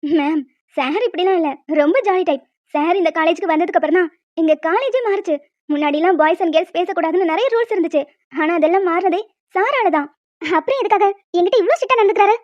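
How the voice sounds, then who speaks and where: A woman voicing a chatty, nosy college staffer in a cartoon, gossipy and cheeky, lower than her other voices. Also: quick pace, no echo. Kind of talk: cartoon voice dubbing. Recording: dull dry lo-fi sound.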